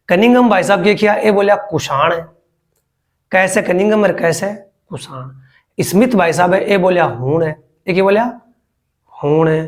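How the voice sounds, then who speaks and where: A man with a Rajasthani accent teaching a history lesson for exam preparation, repeating key words and joking with students. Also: high-pitched. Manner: chatty, jokes with students.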